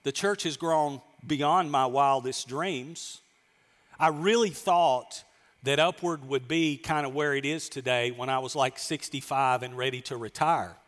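A man's voice: medium pitch, measured pace, fairly bright tone. Folksy pastor in his fifties, reverberant hall. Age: 50s. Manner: folksy and self-deprecating, jokes with the congregation. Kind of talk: conversational sermon. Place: church sanctuary.

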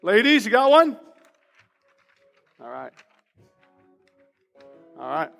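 In a church sanctuary, a pastor with a high, creaky voice preaches a sermon from the pulpit, loud, passionate and very animated yet slow, reading declarations aloud with emphasis. A long hall reverb carries his words, and soft instrumental music plays beneath.

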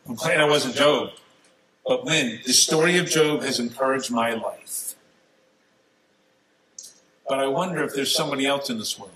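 A man preaching a sermon in a church, talking to the congregation in a conversational way, with sudden emphatic rises and soft, quiet drops. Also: mid-range voice, a little hiss or hum, low-quality recording.

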